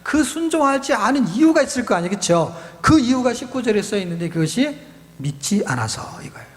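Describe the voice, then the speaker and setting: A man's voice: extremely high pitch, very animated, fairly quick, long reverb tail. A male pastor preaching at a youth retreat, explaining scripture in a conversational way, repeating key words and asking the audience questions. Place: church hall.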